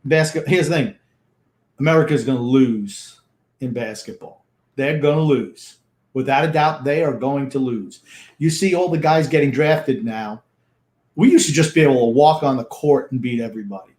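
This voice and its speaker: A man's voice: medium pitch, normal speed, a little mellow, reverberant. An older man co-hosting a sports talk show, blunt and grumpy with dismissive opinions. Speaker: co-host.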